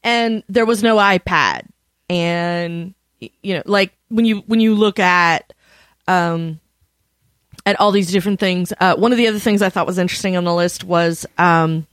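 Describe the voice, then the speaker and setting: A woman's voice: lowish voice, normal speed, no room sound. A woman hosting a podcast in a chatty casual talk, with lots of fillers. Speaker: podcast host. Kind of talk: casual chat.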